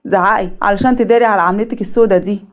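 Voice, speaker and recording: A woman's voice: mid-range voice, rapid-fire, natural voice. A woman with an Egyptian accent voicing a caring young woman friend who scolds with emphatic questions. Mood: reproachful.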